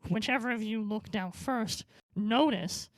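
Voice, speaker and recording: A woman's voice: a little high, no room sound. A woman narrating a tabletop game as game master over a voice call, her words choppy and the endings of her sentences dropping out, with many uh and um fillers. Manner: unhurried narration full of uh and um fillers. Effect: voice call audio cutting out, sentence endings dropped. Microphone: desk microphone on a voice call.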